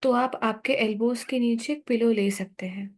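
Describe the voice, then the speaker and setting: This is a fairly high-pitched female voice with an Indian accent, guiding listeners toward sleep. Her delivery is soothing and calm, never rushed, with long silences between each instruction.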